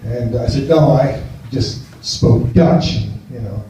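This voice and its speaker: In a small cafe, a 50-something American stand-up comic works the room with a rambling, self-mocking set. He speaks slowly in a warm, medium-pitched voice, captured from afar in a roomy, muffled recording with slight background noise.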